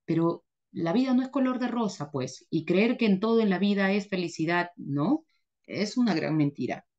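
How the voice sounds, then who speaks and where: A woman teacher lectures emphatically, hammering each point through repetition and rhetorical questions. Her voice is mellow and dark-toned, in a mid register. The recording is dull and lo-fi. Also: medium pitch, expressive, moderate pace. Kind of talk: motivational lecture.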